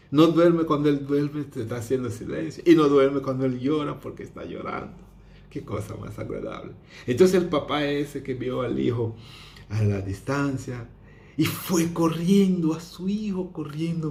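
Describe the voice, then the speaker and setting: A man preaching a sermon that retells a parable, swinging between loud exclamations and whispers. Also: medium pitch, vocal fry, slight background noise. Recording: roomy echo with faint ambience.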